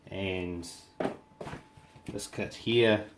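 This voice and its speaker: A man with a New Zealand accent and a gravelly voice, giving a casual hands-on hobby demonstration in halting, unscripted phrases. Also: steady tone, noisy background. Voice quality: gravelly, low voice. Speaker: hobby tutorial presenter.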